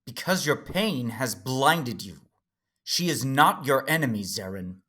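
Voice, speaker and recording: In an audio drama, a man voices a calm, knowing alien Jedi, his husky tone understated and gently challenging. His pitch sits in the middle, his pace is a little slow, and he stays fully in character.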